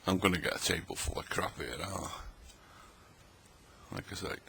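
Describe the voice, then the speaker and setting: A man's voice: low-pitched, a little fast, gravelly, sharp tone, a little hiss or hum. A middle-aged man, chatting and joking in a rambling way while tasting old tinned food at his table late at night. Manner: chatty, rambling, jokey, talks while eating. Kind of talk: casual late-night vlog talk.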